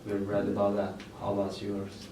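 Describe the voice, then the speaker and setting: Low monotone male student, hesitant, distant mic in a very echoey noisy room. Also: normal speed. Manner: hesitant, monotone, brief answers. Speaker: student participant. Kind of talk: casual discussion.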